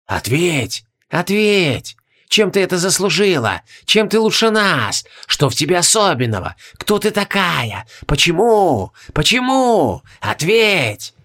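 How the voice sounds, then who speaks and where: A man's voice: high-pitched, sing-song, slow pace, pitched above the performer's own voice, full character voice. Man whispering as accusing dead ghosts. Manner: hushed reproachful whisper.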